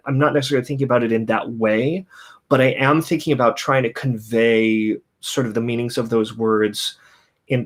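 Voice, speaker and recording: A man with a mid-range voice talks through his creative process in a reflective, unhurried way. He circles back often, stacking fillers and restarts as he searches for the right word. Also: mid-range voice, a bit bright. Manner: thoughtful, many fillers and restarts. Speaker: composer. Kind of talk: interview conversation.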